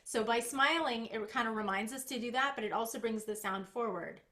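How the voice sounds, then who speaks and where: A woman's voice: a little high, fairly quick, bright, forceful tone. A woman voice teacher coaching a singer in an online master class over a video call, explaining technique with small demonstrations.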